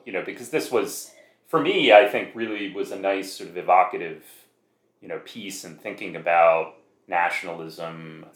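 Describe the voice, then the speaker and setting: A man's voice: sits low, roomy sound. A middle-aged man hosting an academic podcast, reading a set introduction and then asking questions with some hesitation. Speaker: podcast host, political science academic. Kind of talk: podcast interview.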